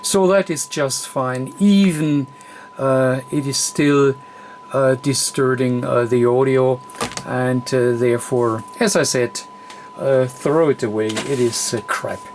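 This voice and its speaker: This man's medium-pitched voice has a darkish tone and fairly even intonation, coming out slowly and hesitantly in short phrases. He is a radio repair technician improvising a tutorial bench demonstration, with light background noise present.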